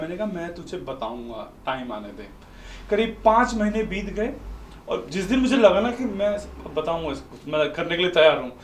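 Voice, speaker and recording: A young man, a life coach, telling a personal story as a motivational talk and acting out the dialogue. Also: high voice. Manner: storytelling, acts out dialogue, mixes English into Hindi. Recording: echoey room with faint background noise.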